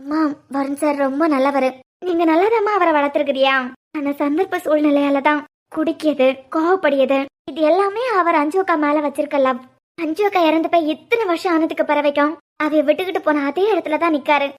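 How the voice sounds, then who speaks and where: A woman voicing a gentle young maid. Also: sits high, brisk, close to an everyday voice. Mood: reassuring. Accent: Kanyakumari Tamil. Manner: soothing, reassuring.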